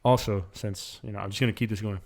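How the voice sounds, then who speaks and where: A man's voice: lowish voice, steady tone, fast, gravelly, darkish tone, a little hiss or hum. Crude, joking man hosting a podcast. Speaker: podcast host. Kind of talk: casual podcast chat. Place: home in Miami.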